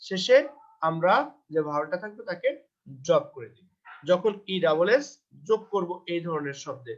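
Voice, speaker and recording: A man with a Bangladeshi accent gives a recorded English grammar lecture in a high voice. He reads textbook sentences slowly, then explains them and asks and answers his own questions. The recording is dull and lo-fi. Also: fairly bright tone.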